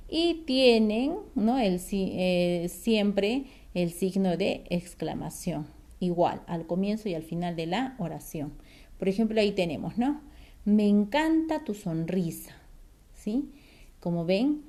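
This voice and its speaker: A woman teaching a grammar lesson to children, patient and careful, often checking in with a quick question. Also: mid-range voice, mellow. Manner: slow, careful explaining with fillers and restarts.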